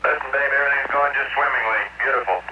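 A man aboard a spacecraft speaking over a crackly two-way radio link, breezy and relaxed. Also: mid-range voice, very fast, dull audio. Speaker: spacecraft crew member. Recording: noisy, echoey archival radio transmission.

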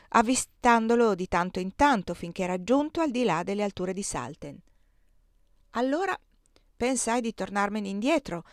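An eager young servant boy, talking in an excited, insistent rush as he tells what he saw, voiced by a woman reading aloud. The voice sits in a mid range, and the recording is dry and close with no room sound. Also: mid-range voice, no room sound, close to an everyday voice.

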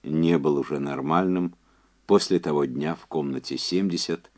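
A man narrating an audiobook in a measured, even storytelling manner. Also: a bass voice. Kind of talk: scripted narration.

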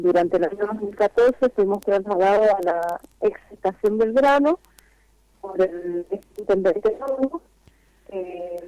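A vendors' spokesperson phones in to a radio interview, her voice coming through a speakerphone. She is mid-range and mellow, giving long, earnest explanations punctuated by frequent pauses, with no echo.

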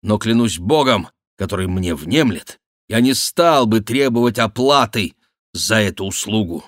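A man reading an audiobook voices a proud, passionate young nobleman who speaks forcefully. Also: fairly low pitch, animated, a little slow, no room sound, clean studio sound. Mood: earnest, firm.

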